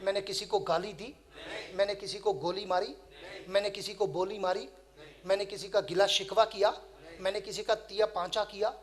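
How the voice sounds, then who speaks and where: A man's voice: sits high, steady tone, moderate pace. A man preacher delivering a sermon in rhythmic, repetitive oratory, firing rhetorical questions at the gathering and chanting recited verses. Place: public religious gathering.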